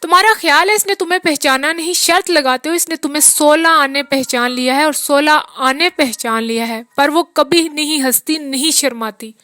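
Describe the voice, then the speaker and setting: A woman's voice: sits high, normal speed, few pauses, pushed and bright, no room sound. A woman reading the part of a weary, peasant-born man who rambles through a long, rueful account of his hard years. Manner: long rambling confessional talk.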